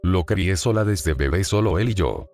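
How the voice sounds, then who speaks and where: Frightened woman caller hiding at night, voiced flatly by a deep-voiced man. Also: normal speed, soft background music.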